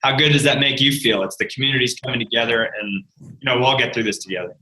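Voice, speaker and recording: A man's voice: medium pitch, quick pace, roomy sound, poor audio. A man in his thirties from Rhode Island, a country radio DJ chatting easily as a guest and telling stories with frequent laughs. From Rhode Island, USA. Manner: easygoing storyteller, laughs often. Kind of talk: casual interview chat.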